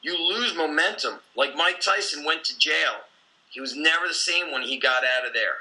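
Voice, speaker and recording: A man's voice: on the high side, moderate pace, sharp tone, low-quality recording. A man in his forties, a gym owner and coach, talking bluntly and intensely in a casual conversation, swearing freely.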